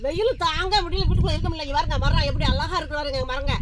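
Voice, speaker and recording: A woman's voice: sits high, rapid-fire. A woman hosting a casual family vlog outdoors. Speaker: vlog host. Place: outdoors by trees near a house. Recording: very noisy outdoor phone recording.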